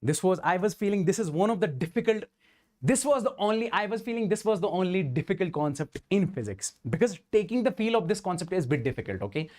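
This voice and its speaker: A man's voice: high voice, expressive, fast talker, darkish tone. A male physics teacher, giving an exam-prep lecture and checking in often with students. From India. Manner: addresses students directly, keeps asking "understand?"; voices the students' replies as "Sir, ...".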